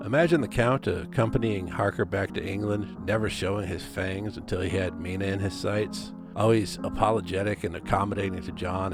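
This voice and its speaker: A man narrating a scripted video essay with dry, casual asides. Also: fairly low pitch. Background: music.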